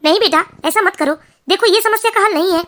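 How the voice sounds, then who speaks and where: A woman's voice: extremely high pitch, fairly quick, fairly bright tone. A woman voicing a strong-willed older mother-in-law who comforts her daughter-in-law and scolds her son. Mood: firm, comforting. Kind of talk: storybook cartoon voice acting.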